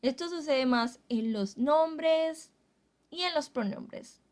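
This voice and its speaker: A woman teaching a Korean grammar lesson, explaining slowly and carefully. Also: high voice, darkish tone. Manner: slow, carefully spelled-out explanations.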